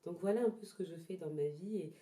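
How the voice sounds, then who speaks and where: Born in Togo, this woman lived in Ghana and moved to France as a child; she's a traditional therapy practitioner being interviewed indoors in a house. Her fairly low, mellow voice gives reflective, personal answers, halting and repeating words as she hunts for phrasing. The sound is roomy and echoing.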